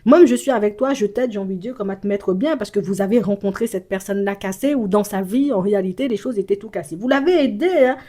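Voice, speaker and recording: Rambling woman with a mellow voice. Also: mid-range voice, fast talker, hardly any pauses. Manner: rambling, with stammered repeats and constant verbal fillers; slips into first-person speech for the absent person. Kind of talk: spoken intuitive reading addressed to the viewer.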